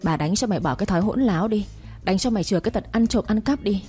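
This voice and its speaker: A woman's voice: lively intonation, quick pace, dark tone, soft background music, close to an everyday voice. A woman voicing a cruel, domineering older matriarch who scolds and sneers in a storybook reading. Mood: scolding. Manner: scolding, shrill and scornful.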